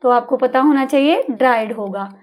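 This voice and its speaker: A woman's voice: sits high, normal speed, a little mellow. A woman teacher, patiently explaining words to young pupils and often checking they follow. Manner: patient, repeats and checks understanding with questions. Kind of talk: exam-prep English lesson for children.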